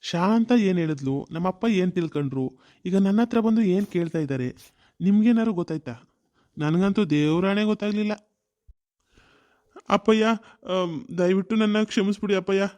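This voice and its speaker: A man's voice: high voice, brisk, pauses often, mellow, natural voice. A man voicing a confused middle-aged husband and son who pleads and asks questions in a cartoon. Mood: bewildered. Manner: bewildered, pleading.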